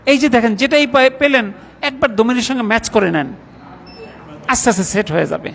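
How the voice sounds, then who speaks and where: A middle-aged man teaching a grammar class in a mosque, patiently reciting word forms slowly one by one. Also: extremely high pitch, lively intonation, vocal fry, fairly bright tone, a little hiss or hum. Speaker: Arabic teacher.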